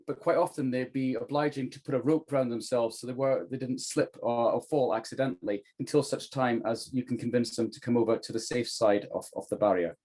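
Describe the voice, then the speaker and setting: A man's voice: mid-range voice, fairly even intonation, fairly quick, few pauses, darkish tone, breathy edge. A middle-aged man explaining things as a trainer, in an informal lecture style with emphatic rhetorical questions. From UK, northeast England. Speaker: trainer, former police officer.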